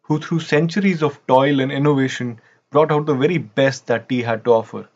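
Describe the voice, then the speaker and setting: A man's voice: mid-range voice, fairly quick, a little mellow. A man from India, hosting a history video in wry scripted narration with casual asides, on dull lo-fi audio.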